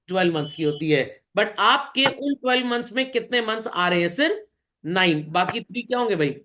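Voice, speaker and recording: Over slight background noise, a man lectures a class on accounts in a high, bright, forceful voice with lively intonation and a brisk pace. Mixing Hindi and English, he poses questions, answers them himself, and calls the students bhai and children.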